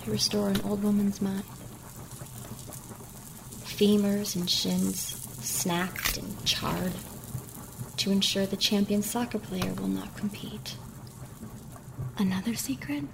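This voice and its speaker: Woman horror narrator, very slow, gravelly and hushed, with music behind. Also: medium pitch, flat delivery, background noise. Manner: hushed, slow, often whispered.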